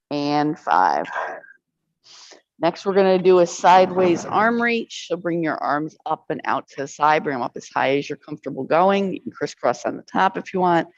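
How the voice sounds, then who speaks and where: A woman's voice: on the low side, no room sound, lo-fi sound. A woman instructor leading an arthritis exercise class, counting reps aloud and encouraging the group.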